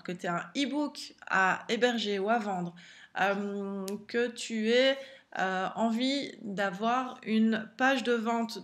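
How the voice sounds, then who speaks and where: A woman with a French accent, an online business coach talking casually to camera in a chatty style, full of fillers and restarts. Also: mid-range voice. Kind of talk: casual direct-to-camera vlog.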